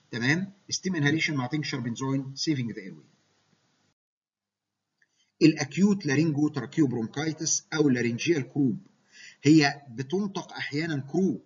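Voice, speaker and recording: A man with an Egyptian Arabic accent delivers a medical lecture in Arabic sprinkled with English medical terms, often making sure his students keep up. His mid-range voice has a breathy edge, and the sound is lo-fi.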